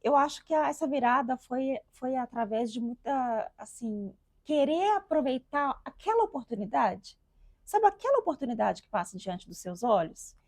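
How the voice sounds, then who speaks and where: A guest entrepreneur and mother from Minas Gerais, Brazil, gives an emotional testimony about her life in an interview. Her voice sits high and animated at a moderate pace, with a darkish tone and no echo. She speaks from the heart and acts out words she once said.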